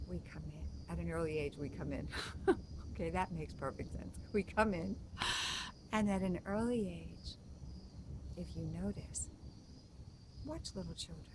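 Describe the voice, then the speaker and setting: A woman spiritual coach giving a reflective talk, gently repeating key phrases for emphasis. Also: on the low side, a little slow, pauses often, background noise.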